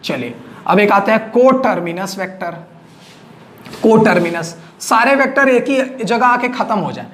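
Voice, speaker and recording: Male teacher at a classroom board; patient, dictates definitions slowly and keeps checking that students follow. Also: sits high, expressive, a bit bright. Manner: explains slowly, asks checking questions, dictates definitions word by word. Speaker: physics teacher. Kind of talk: classroom lecture at a whiteboard.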